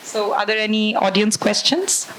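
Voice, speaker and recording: A woman moderates a literary festival panel. She speaks at a middle pitch and asks her questions in an engaged, easy, conversational manner. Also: moderate pace, a bit bright, slight background noise, rough recording.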